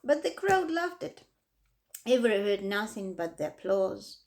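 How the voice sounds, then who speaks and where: A woman reading a children's book aloud with expressive, dramatic emphasis. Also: medium pitch, unhurried. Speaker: reader. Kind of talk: storybook read-aloud.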